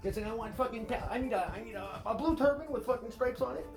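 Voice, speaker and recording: A man's voice: very high-pitched, fast talker, over music, pitched above the performer's own voice. A man doing a whiny, fed-up prison official.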